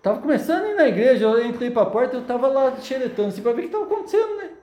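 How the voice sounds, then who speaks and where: Guy preaching fast, voice jumping all over, tells stories acting out the demons, roomy echo. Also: very high-pitched. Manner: animated storytelling, acts out voices of demons and people. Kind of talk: sermon testimony.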